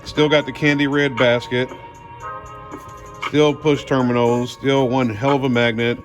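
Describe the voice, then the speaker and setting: A car audio channel host unboxes a product in a casual, colloquial vlog, calling his viewers "y'all" and "man." His voice is medium-pitched, level, and unhurried, with faint music in the background.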